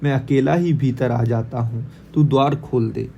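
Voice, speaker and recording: A man's voice: mid-range voice, steady tone, a little slow, creaky, warm tone, lo-fi sound. A man voicing a threatening, commanding adult cleric in an audiobook read-aloud, with faint noise behind.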